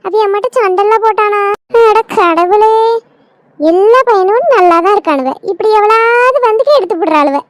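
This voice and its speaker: A woman's voice: extremely high pitch, moderate pace, no room sound, studio quality. A woman voicing a bossy middle-aged woman in a cartoon, gossiping and scolding. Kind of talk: cartoon comedy voice acting.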